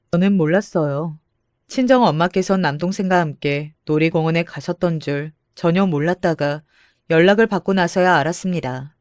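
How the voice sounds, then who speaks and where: Woman calmly narrating a confessional story. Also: lowish voice, dry recording, clean studio sound. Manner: calm, confessional first-person telling. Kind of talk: scripted narration.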